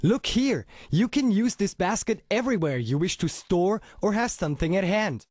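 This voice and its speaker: A man narrating a scripted hard-sell infomercial as an announcer, with an emphatic pitch full of rhetorical questions. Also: animated, normal speed, darkish tone, no room sound, studio quality.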